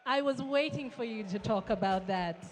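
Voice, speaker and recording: A woman's voice: fairly high pitch, slight background noise. A Ugandan woman co-hosting a live gala dinner, teasing and chiming in to finish her co-host's lines. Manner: quick to chime in, teasing, finishes co-host's sentences. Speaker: event co-host. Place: large indoor banquet hall. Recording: echoey banquet hall with music.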